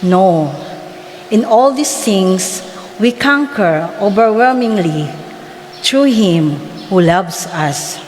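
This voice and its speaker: A woman giving a formal scripture reading as lector at Mass, in deliberate short phrases. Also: mid-range voice, lively intonation, darkish tone. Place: large reverberant church. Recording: long church reverb, faint background noise.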